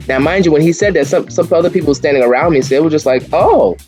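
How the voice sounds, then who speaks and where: A man from Miami, a guest singer, telling stories in a casual interview and acting out the quotes in high voices. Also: racing, darkish tone, faint music behind. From Miami, USA. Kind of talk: storytelling in casual interview chat.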